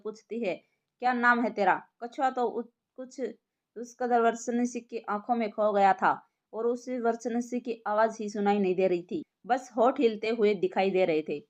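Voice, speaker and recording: Expressive woman audio-story narrator. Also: on the high side. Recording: lo-fi muffled recording.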